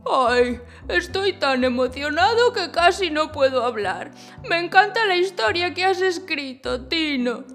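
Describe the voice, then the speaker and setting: A woman voicing a gentle, affectionate father penguin in a children's story. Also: high-pitched, expressive, a little slow, faint music behind, exaggerated voice. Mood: moved. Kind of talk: children's audio story acting.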